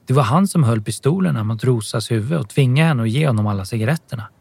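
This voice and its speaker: A man reading an audiobook, voicing a cheerful, chatty teenage girl in a raised, lively voice. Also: mid-range voice, gravelly, breathy edge, no echo. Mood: bubbly.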